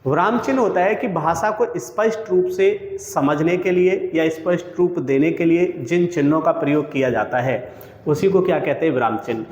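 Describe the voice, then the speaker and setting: A man with a slightly high voice teaches an exam coaching lesson. He poses each question and answers it himself, calling his listeners friends and brother. The recording sits in a room with a long reverb. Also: normal speed, a little mellow.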